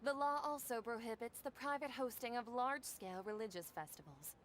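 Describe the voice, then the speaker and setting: A woman's voice: fairly high pitch, fairly quick, fairly bright tone, a little hiss or hum, close to an everyday voice. An actress voicing a stern female official enforcing the law in a dubbed game, cold and officious.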